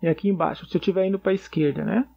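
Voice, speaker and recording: A man talks through a coding tutorial in a relaxed, step-by-step way, often checking in with the listener. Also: sits high, very fast, vocal fry, lo-fi sound. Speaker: programming tutor. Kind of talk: casual screencast coding tutorial.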